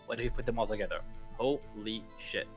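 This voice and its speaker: A man's voice: lowish voice, a little fast. Hesitant man on a gaming podcast. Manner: hesitant, many fillers and restarts, laughs easily. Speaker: podcast co-host. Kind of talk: casual gaming podcast chat. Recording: faint music bed behind.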